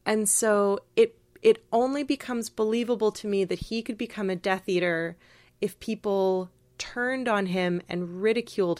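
A woman with a mid-range voice co-hosts a podcast, thinking aloud through casual analytical discussion with an emphatic, reflective manner and frequent use of "like." It's a dry recording.

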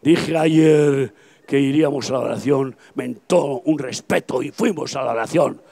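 A man in his seventies with a Spanish accent from Spain, preaching an impassioned open-air evangelistic sermon that swings between soft confiding and shouting. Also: mid-range voice, normal speed, gravelly. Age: 70s. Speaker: pastor. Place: outdoors at a campaign event.

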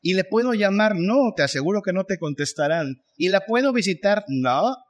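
A man's voice: sits high, animated, moderate pace. A man preaching a sermon, emphatic and full of rhetorical questions. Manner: emphatic, rhetorical questions, acts out voices of others.

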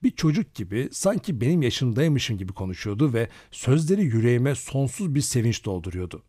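A man narrating a novel as an audiobook, with expressive storytelling. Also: mid-range voice, fairly quick, slightly rough, dry recording, clean studio sound.

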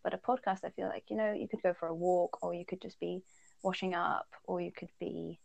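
A woman's voice: fairly low pitch, steady tone, brisk, vocal fry, a little mellow, no echo. A woman from the Netherlands chats casually as a podcast co-host. She laughs often and thinks aloud, with plenty of ums along the way. Her voice sits close and dry, with no room sound around it. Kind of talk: casual chat.

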